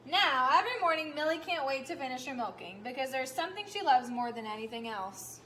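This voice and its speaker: A woman teacher reading a picture book aloud to young children, animated, stopping often to ask them questions. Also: high-pitched, a little fast.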